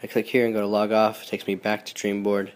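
A man with a cold talks through a phone tutorial in a nasal, stuffed-up voice. His voice sits low and stays fairly flat, and his delivery is relaxed and chatty, dotted with ums and small restarts. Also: fast. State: sick with a stuffy nose. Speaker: host. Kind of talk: casual phone tutorial walkthrough.

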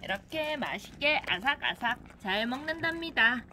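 A woman with a high, bright voice narrates a casual vlog as an animal cafe owner. She calls her cats in a sing-song, coaxing way. She is recorded outdoors in a yard. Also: animated, normal speed, a little hiss or hum.

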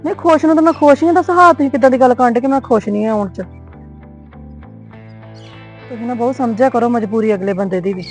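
Woman playing a firm, quick-talking young wife. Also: on the high side, faint music behind, lightly acted. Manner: placating but firm on the phone. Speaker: daughter-in-law. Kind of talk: web series drama.

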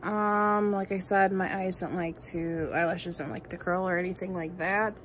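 A beauty vlogger in her thirties chats through a makeup tutorial in her bedroom, filmed on a phone camera held close. Her voice sits on the low side with fairly even intonation at normal speed, slightly nasal from congestion. She rambles with many ums and apologetic asides, and there's a little hiss or hum.

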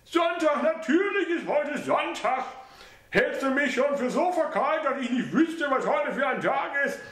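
A shrill, domineering old woman of ninety-one, as a male author puts her on, barking orders and nagging. Her voice sits far above a man's natural range. It rings out in a roomy, echoing space. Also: expressive, a little slow, fairly bright tone, heavily acted. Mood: scolding. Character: domineering 91-year-old mother, shrill and scolding. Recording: roomy echo.

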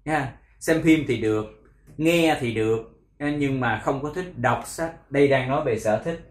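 A man with a Vietnamese accent teaching English pronunciation, repeating words slowly and explaining in Vietnamese. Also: mid-range voice, reverberant. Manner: slow drilled repetition of English words. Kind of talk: pronunciation lesson.

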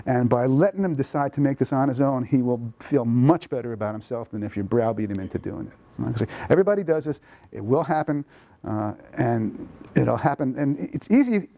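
Fast-talking animated male pediatrician lecturing. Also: fairly high pitch, no room sound. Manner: lively, animated, acts out kids' thoughts. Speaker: pediatrician giving a parenting talk. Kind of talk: lecture to an audience. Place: lecture room.

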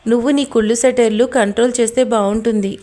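A woman's voice: a little high, fairly even intonation, quick pace, warm tone, natural voice. A woman voicing a bossy young man who scolds and questions his friend in an audio story. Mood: nagging. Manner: scolding, nagging.

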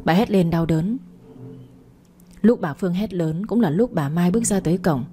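A woman tells a late-night radio story in a calm, even reading voice. Her tone is low, warm and mellow, with a soft, breathy husk to it. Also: moderate pace. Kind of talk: scripted story narration.

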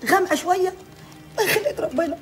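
A sassy Egyptian wife. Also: female voice, very high-pitched, faint music behind. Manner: quick, sassy retorts. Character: sharp-tongued Egyptian wife. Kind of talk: comedic film acting.

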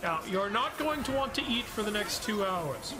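A man's voice: high voice, sing-song, normal speed. A young man hosting a game stream, chatting and joking casually with laughs. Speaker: streamer host. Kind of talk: casual let's-play chat.

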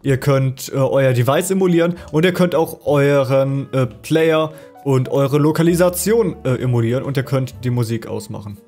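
Casual German-speaking man explaining software. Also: mid-range voice, normal speed, hardly any pauses, soft background music. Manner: casual explaining with fillers, addresses viewers directly. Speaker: tutorial host. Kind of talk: screen-recorded software tutorial.

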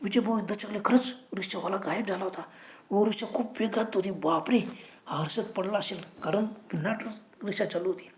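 A woman's voice: mid-range voice, brisk, roomy sound, slight background noise. A woman narrating a horror story in a dramatic storytelling manner.

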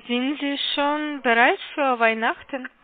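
This woman has a high voice, fairly even intonation and a slightly slow delivery, in a dry recording. Working as a call center agent in a phone sales conversation, she asks polite, hesitant questions and repeats herself; she doesn't speak German. The sound is muffled, like a narrow telephone line.

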